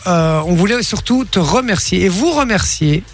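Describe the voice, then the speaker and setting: A man's voice: high voice, lively intonation, normal speed. A man hosting a casual radio chat in an informal, effusive way. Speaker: radio host.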